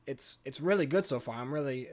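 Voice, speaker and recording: In a gaming video backed by game music, a man with a medium-pitched voice moves fairly quickly through a horror visual novel. He reads it with theatrical expressiveness and chats casually along the way.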